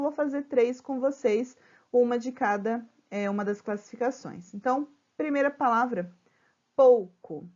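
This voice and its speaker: A Brazilian woman teaches a remote grammar lesson to children in a slightly high voice. She is patient and spells out syllables slowly. She keeps checking in with them. The sound is muffled and lo-fi, as if from a laptop mic. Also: a little mellow. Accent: Brazilian Portuguese.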